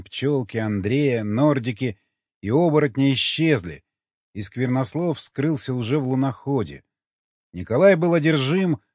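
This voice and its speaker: A man narrating an audiobook in a measured, even reading with a husky voice. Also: mid-range voice, dry recording. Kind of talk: scripted narration. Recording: dull, dry studio sound with faint music.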